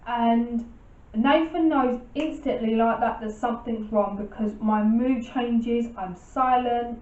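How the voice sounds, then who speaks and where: A woman's voice: fairly high pitch, slow, darkish tone, muffled recording. Emotional young woman, distant roomy sound. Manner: emotional, heartfelt, rambling. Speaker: vlogger. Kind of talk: personal story-time vlog.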